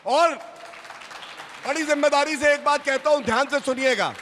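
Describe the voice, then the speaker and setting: A man's voice: very high voice, moderate pace, pushed and bright, in a large hall, a faint crowd, a little hiss or hum. A man arguing insistently and combatively as a panelist on a televised political debate. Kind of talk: heated TV debate argument.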